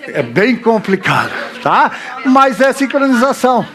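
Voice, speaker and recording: A man with a Brazilian Portuguese accent giving a relaxed live lecture, joking crudely, asking rhetorical questions, swinging between loud and soft and checking in with the audience. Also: extremely high pitch, measured pace. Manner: constant checks like "tá?" and "né?".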